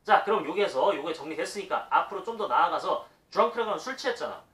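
A man with a Korean accent teaches English in a loose, chatty way, dropping English example phrases into his talk. His fairly high voice swings up and down a great deal. He sounds a little off-mic in an echoey room. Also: expressive, brisk, a bit bright, distant mic. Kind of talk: casual video lesson.

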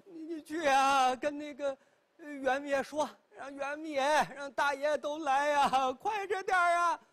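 A man voicing a doting, tearful and bossy old grandmother in a traditional storytelling performance, with drawn-out cries. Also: steady tone, fairly bright tone. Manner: high wailing crone voice, drawn-out cries.

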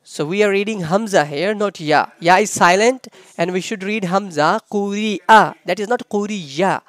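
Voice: mid-range voice, moderate pace, no room sound. A Quran reading teacher drilling Arabic letters and vowels syllable by syllable, repeating each sound and then blending the word, with short plain English explanations between drills.

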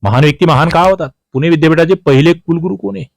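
Speaking at a racing pace, a man with a fairly high, creaky voice teaches students through an exam-prep history quiz. His Maharashtrian accent comes through in a dry recording as he emphatically repeats key questions and answers, sprinkling in colloquial asides.

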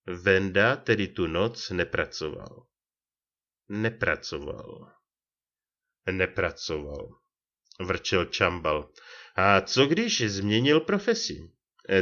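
A man's voice: on the low side, fairly bright tone, highs cut off. A man narrating a short story expressively, switching into voices for characters. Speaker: audiobook reader.

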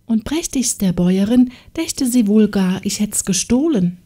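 A woman voicing a humble, gentle young peasant maid in a fairy tale audiobook, speaking timidly and pleadingly. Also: medium pitch, expressive, unhurried, slightly rough, pitched above the performer's own voice. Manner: timid, pleading, soft-spoken.

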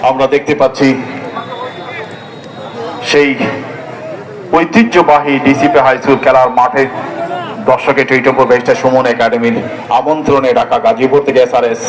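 A man giving live play-by-play football commentary, breaking into frantic excitement when play heats up. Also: medium pitch, poor audio. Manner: frantic, excited surges during attacks. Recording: crowd noise behind. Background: stadium crowd.

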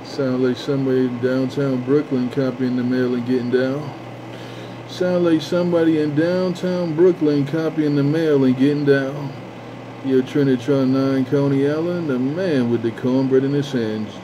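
A man's voice: mid-range voice, fairly even intonation, moderate pace. A man chatting over a CB radio, repeating his call-outs and drawling his sign-offs. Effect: CB radio transmission. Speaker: CB radio operator. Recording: dull lo-fi radio with static hiss.

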